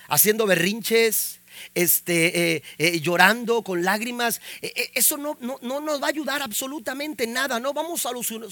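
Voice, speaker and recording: A man's voice: very high-pitched, pushed and bright, no room sound. A young adult male pastor, preaching a sermon and punctuating it with frequent amens and rising emphasis.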